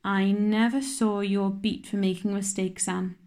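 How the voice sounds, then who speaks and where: A stern older spinster, as a woman reader puts her on, clipped and matter-of-fact. She delivers blunt remarks dryly, with no softness. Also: medium pitch, level tone, measured pace, lightly acted.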